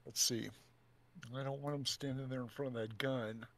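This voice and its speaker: A man's voice: mid-range voice, fairly even intonation, moderate pace. Hesitant man thinking through game moves. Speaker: player. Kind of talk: casual tabletop game chat.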